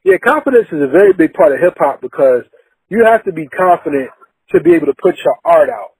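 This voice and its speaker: A man interviewing a guest in a conversational, reflective way, deliberately building up to his questions. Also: on the high side, very animated, darkish tone, husky, no echo, low-quality recording.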